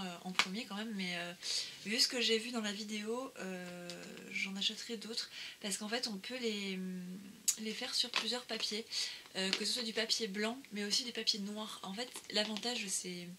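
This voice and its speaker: A woman's voice: mid-range voice, steady tone, moderate pace, noisy background. A woman talking casually through a craft-supply haul, with many fillers and restarts. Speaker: craft vlogger.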